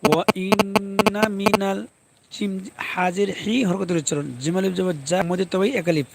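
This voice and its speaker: A man teaching a live Quran reading lesson, spelling letters and vowel marks and then chanting each word in long drawn-out recitation. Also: high-pitched, gravelly, noisy background.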